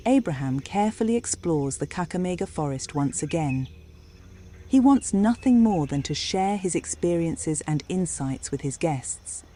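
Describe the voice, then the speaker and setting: A woman's voice: fairly low pitch, animated, moderate pace, mellow, a little hiss or hum. A woman reading scripted narration for a nature documentary.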